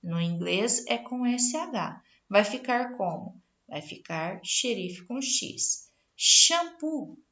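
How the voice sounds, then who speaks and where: A woman's voice: medium pitch, very animated, takes it slowly, hardly any pauses. A Brazilian woman teacher giving a spelling lesson, reading out word lists and checking in with the class as she goes. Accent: Brazilian Portuguese.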